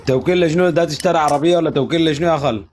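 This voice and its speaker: A man's voice: a little high, rapid-fire, darkish tone. A man with a Sudanese Arabic accent, a guest in a casual live stream who jokes along and explains what the host says. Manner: joking, agreeable, explains and translates for the host.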